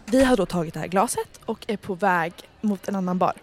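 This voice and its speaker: A woman's voice: mid-range voice, a little hiss or hum. A woman co-hosting a casual chat podcast. She tells her stories with animation and slips into English quotes. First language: Swedish. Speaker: podcast co-host.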